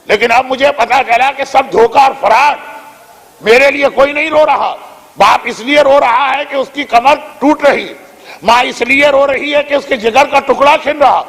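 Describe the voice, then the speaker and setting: A man's voice: very high-pitched, a bit bright. A preacher voicing a dying young man's bitter plea. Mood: anguished reproach. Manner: pleading, reproachful. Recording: echoey hall reverb.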